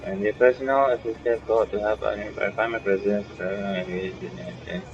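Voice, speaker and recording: A man streams himself gaming, offering loose, rambling commentary and frequently muttering. His voice is on the low side with a steady tone and a brisk pace. There is background noise, game music underneath, and a slightly dull mic.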